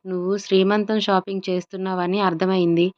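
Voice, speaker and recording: A woman's voice: mid-range voice, flat delivery, brisk, darkish tone, lo-fi sound, lightly acted. Chatty, cheerful mother, read by a woman. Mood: pleased. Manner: chatty, pleased. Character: cheerful middle-aged mother.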